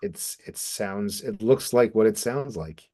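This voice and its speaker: This podcast co-host is a man with a mid-range voice who gets animated and enthusiastic about comics, going into detail and swearing mildly now and then. His delivery is casual and measured in pace.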